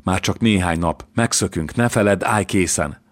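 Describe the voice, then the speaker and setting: Brief: male reader doing an ardent young lover, hushed pleading, deep voice, dry close sound. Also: dry recording, lightly acted. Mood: tender whisper. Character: young Venetian man, ardent secret lover.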